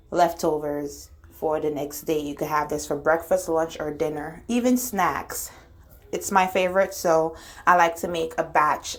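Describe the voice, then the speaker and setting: Woman, Antiguan accent, lower-pitched voice, informal cooking walkthrough, chatty instructional delivery. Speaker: cooking channel host. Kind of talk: casual cooking tutorial voice-over.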